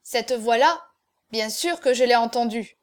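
A woman's voice: fairly high pitch, a little slow, natural voice. A woman doing a sly, mocking Norman henchman. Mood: uneasy. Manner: mocking, insinuating.

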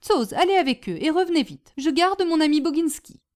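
Femme jouant une vieille logeuse autoritaire. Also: female voice, high voice, lively intonation, brisk, pitched above the performer's own voice. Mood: brusque. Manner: loud, scolding, theatrical. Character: excitable bossy older Parisian landlady.

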